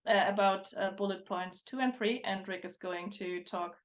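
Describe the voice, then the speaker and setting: Woman, mid-pitched, livestream presenter, thoughtful and conversational, restarts sentences. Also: normal speed. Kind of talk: casual panel discussion. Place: online livestream, video call.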